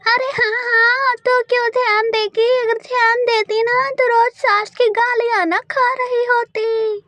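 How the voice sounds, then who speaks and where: A woman's voice: extremely high pitch, little pitch movement, measured pace, pitched above the performer's own voice, full character voice. A woman voicing a grumpy old crow mother-in-law. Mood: scolding. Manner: sharp, scolding, bossy. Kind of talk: cartoon voice acting.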